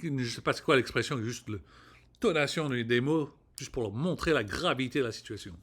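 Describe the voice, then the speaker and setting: Man, casual vlog rant, rambling and foul-mouthed, mid-pitched voice. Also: fairly quick, fairly bright tone, breathy edge. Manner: rambling, profane, restarts words often. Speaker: vlogger. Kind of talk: casual spoken rant to camera.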